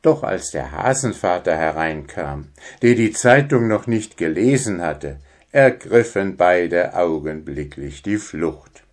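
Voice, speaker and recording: A man reading a children's story aloud in a calm, measured way. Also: low voice.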